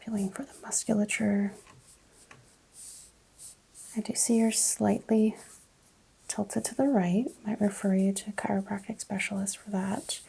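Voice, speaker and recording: A woman whispering softly and calmly as a doctor in an ASMR roleplay exam, giving gentle clinical instructions close to the mic. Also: mid-range voice, measured pace, gravelly, long pauses, breathy edge. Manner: soft, calm, clinical bedside whisper.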